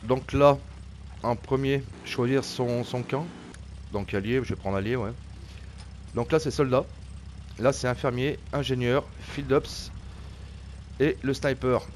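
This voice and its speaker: Male gameplay narrator, mid pitch, halting delivery with fillers, faint noise behind. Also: fairly even intonation. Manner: hesitant, many fillers and repeated words. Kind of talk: casual gameplay commentary.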